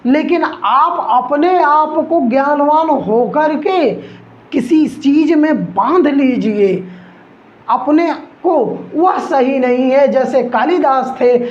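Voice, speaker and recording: A male teacher slowly explaining an exam lesson, repeating lines and calling his students son. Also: very high voice, echoey room, highs cut off.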